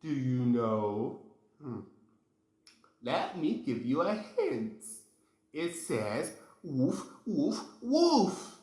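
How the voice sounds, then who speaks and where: A woman hosting a first-words lesson, talking as if to a toddler in an encouraging, animated way with simple repeated phrases. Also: extremely low pitch, very slow, long pauses. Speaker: children's teacher and host. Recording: roomy sound under loud music. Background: music with guitar.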